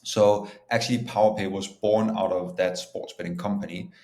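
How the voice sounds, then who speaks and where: Appearing as an interview guest, a startup founder and CEO from Denmark explains things in an informal, conversational way. His voice sits low and a little mellow, with fairly even intonation at a moderate pace, and the room sound is echoey.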